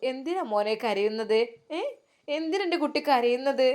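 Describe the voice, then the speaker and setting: A woman's voice: high-pitched, expressive, moderate pace, darkish tone, smooth. Woman doing a tender elderly mother.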